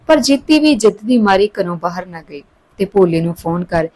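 A woman narrating a family story in a steady, even reading voice. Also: medium pitch, moderate pace, rough recording.

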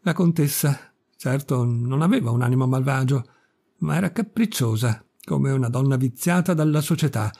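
A man reading a classic story aloud as narrator, measured and unhurried. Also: mid-range voice, vocal fry, mellow, breathy edge. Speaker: audiobook narrator. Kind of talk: scripted literary narration.

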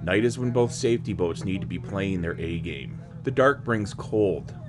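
Low-voiced man narrating a documentary. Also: animated, normal speed, noisy background.

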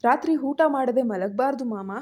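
A gentle, patient young wife from a spoken storybook, read by a woman. She speaks softly and pleadingly. The voice is fairly high, with a warm, mellow color. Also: moderate pace. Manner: soft and pleading.

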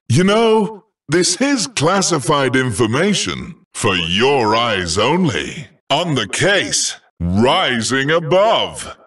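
Spy Rise, raspy excitable robot agent. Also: male voice, medium pitch, distant mic, exaggerated voice. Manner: short, clipped, exclamatory catchphrases. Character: small plucky robotic secret agent, eager and self-assured. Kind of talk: video game character barks.

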